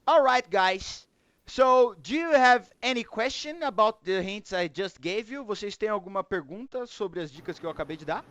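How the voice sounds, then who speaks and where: A man's voice: high-pitched, expressive, normal speed, a bit bright, clear, resonant tone. A man teaching English online, with a Brazilian Portuguese accent, giving encouraging feedback and explaining pronunciation rules in Portuguese and English.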